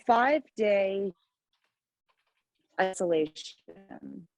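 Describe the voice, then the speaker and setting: Woman on a choppy video call, audio breaking up, slow creaky voice, dry sound. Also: mid-range voice, lively intonation, dry recording. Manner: brief, polite clarifying question. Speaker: town board participant. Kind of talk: public meeting on a video call.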